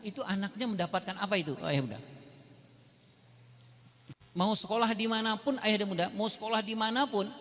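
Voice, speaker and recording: A man's voice: high voice, brisk, pauses often, a bit bright. A man giving a parenting seminar, telling humorous, self-mocking stories and speaking straight to the parents in the audience. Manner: humorous, self-mocking storytelling, often addresses the audience directly. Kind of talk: lively seminar talk to parents. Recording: long hall reverb.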